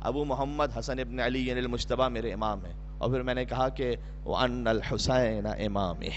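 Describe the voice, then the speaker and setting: A man's voice: fairly high pitch, a little hiss or hum. A male preacher giving a mournful Muharram sermon in Urdu, with a Pakistani accent, impassioned and weeping as he cries out the story. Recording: dull lo-fi recording.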